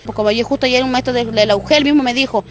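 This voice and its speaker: A woman from Peru talks fast and urgently, her voice pitched a little high as she recounts events with rising distress. She speaks as a worried mother in a street interview. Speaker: mother of a pupil. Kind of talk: emotional street interview testimony.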